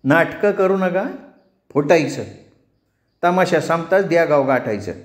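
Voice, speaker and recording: A man's voice: fairly high pitch, animated, measured pace, roomy sound, pitched above the performer's own voice. A man doing a fierce tamasha troupe owner woman. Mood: stern. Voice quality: village dialect speech. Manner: scolding, commanding.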